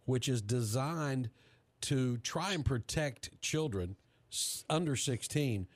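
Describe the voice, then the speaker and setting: A man hosting a radio panel discussion, asking questions in a measured, deliberate way. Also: mid-range voice, lively intonation. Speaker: talk show host.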